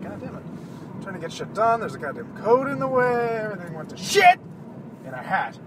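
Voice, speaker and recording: A high-voiced man talks with a lively, swooping delivery as he drives, rambling and swearing. He sounds excitable and quick to burst out. His voice comes from a distance in the car, over clear road noise. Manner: profane, excitable, rambling, prone to sudden outbursts. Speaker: podcast host. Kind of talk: rambling casual chat. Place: inside a moving car.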